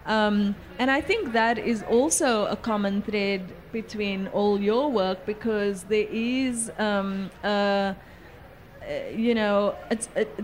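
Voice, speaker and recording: A woman's voice: a little high, a little hiss or hum. A woman moderating a panel, reflecting aloud in a thoughtful, searching way. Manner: thoughtful, with many fillers and restarts.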